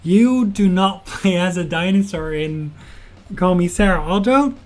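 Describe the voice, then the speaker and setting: Sitting high and expressive, this young man's darkish voice moves a little slowly. A game developer running a relaxed livestream tutorial, he thinks out loud with plenty of fillers, giggles and chats a lot, laughs often, and responds to viewers' messages.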